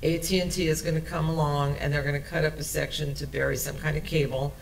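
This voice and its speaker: A woman in her sixties presents a transit project from a podium microphone in a hotel meeting room, speaking conversationally with frequent fillers and restarts. Her voice is deep, level, fast and creaky, and the recording quality is low.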